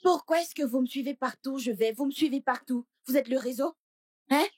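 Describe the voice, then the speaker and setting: A woman's voice: high voice, a little mellow. A brash chatty village girl. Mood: suspicious. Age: young adult. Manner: talkative, thinks aloud, quick retorts. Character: brash young village woman, chatty, suspicious. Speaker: dub actress. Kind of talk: dubbed film acting.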